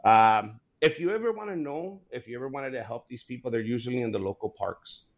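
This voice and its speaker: A man in his forties, a comedian, chatting casually and telling stories in an animated, laughing way. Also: medium pitch, a little fast, lo-fi sound. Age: 40s. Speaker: comedian guest. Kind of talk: casual podcast chat.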